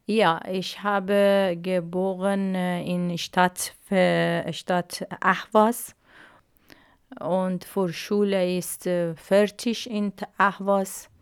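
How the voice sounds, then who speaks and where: A woman, whose first languages are Arabic and Persian, answers radio interview questions in a very slow, halting way. Her voice is somewhat low, smooth and clear. The recording is dry and close. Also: little pitch movement, no room sound. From Iran. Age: 50s. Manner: halting, hesitant learner's speech with many fillers. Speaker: interview guest.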